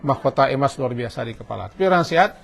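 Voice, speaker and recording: A man preaching a sermon in a mosque, lively, switching between quiet stretches and loud acted-out voices. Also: mid-range voice, fast, creaky.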